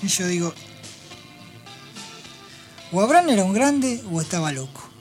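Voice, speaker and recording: A woman hosting a radio program, retelling Bible passages in an explanatory, storytelling way with pauses and restarts. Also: medium pitch, big pitch swings, a little mellow, faint music behind. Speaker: radio host. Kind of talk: radio talk on Bible stories.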